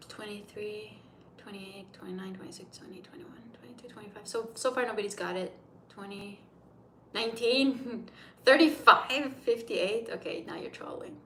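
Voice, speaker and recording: Bright and forceful, this woman's mid-range voice goes slowly, with long pauses. The speaker, a 30-year-old native Turkish speaker from Turkey, rambles chattily in English while answering viewers on a casual livestream, and the echoey room carries faint noise.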